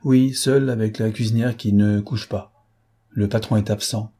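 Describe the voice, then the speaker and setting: A man reads a loyal young hotel boy in an audiobook, an obedient henchman who reports to his boss. He speaks briskly and dutifully in a low, husky voice. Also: steady tone, dark tone. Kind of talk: audiobook character voice.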